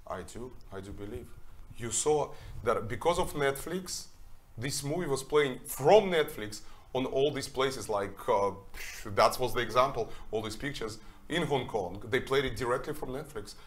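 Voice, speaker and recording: A man's voice: mid-range voice, normal speed. A man from Russia, speaking earnestly and emphatically on a panel as a documentary filmmaker, with broken grammar. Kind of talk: panel discussion.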